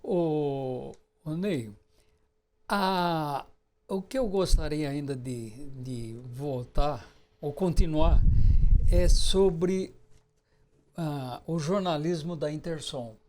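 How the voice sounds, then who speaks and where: Interviewer with a higher voice. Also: male voice, drawn-out words, a little mellow. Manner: conversational, brief affirmations. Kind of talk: interview questions.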